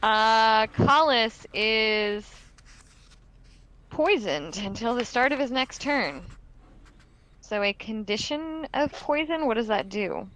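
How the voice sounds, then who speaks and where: A woman's voice: on the high side, lively intonation, slow, a bit bright, a little hiss or hum, rough recording. A woman narrating and ruling as dungeon master in a tabletop game, casual and chatty, swearing freely.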